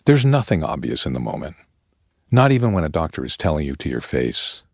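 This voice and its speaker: A man narrating a podcast story in a measured, scripted storyteller's delivery. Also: very deep voice, big pitch swings, vocal fry, a little mellow, dry recording, clean studio sound.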